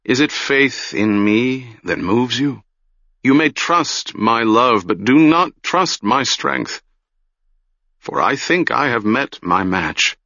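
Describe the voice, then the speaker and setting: A man voicing a grave, gentle adult wizard who speaks in a measured way, at times gently mocking. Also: medium pitch, lively intonation, no echo, dull audio, exaggerated voice.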